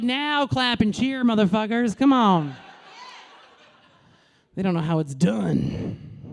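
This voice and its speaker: A woman in her late thirties doing a stand-up comedy set on a club stage, brash and crude, with deadpan asides to the crowd. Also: on the low side. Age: late 30s.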